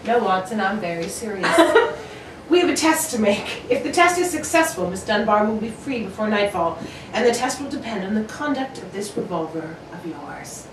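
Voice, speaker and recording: A woman playing a male detective, Sherlock Holmes, probing, brisk and courteous in a theatrical radio drama. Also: medium pitch, big pitch swings, natural voice. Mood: brisk, confident. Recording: roomy, distant mic with faint noise.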